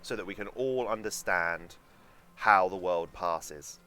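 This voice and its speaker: Here the young streamer, German by first language, talks slowly in a low, bright, forceful voice. Playing a theme park game at home, he keeps up casual, sarcastic, meandering chatter with his viewers and occasionally swears.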